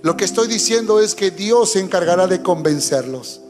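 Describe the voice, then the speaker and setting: A man's voice: high-pitched, lively intonation, normal speed. A man preaching a sermon as pastor, fervent and urging, sharing his testimony. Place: church hall. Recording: long hall reverb with faint music.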